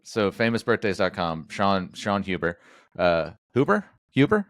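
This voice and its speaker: Guy hosting a podcast, real low voice, smooth, joking around, dry close sound. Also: a little slow, a bit bright, dry recording. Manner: rambling, jokey, lots of fillers and restarts. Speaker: podcast host. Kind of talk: casual interview chat.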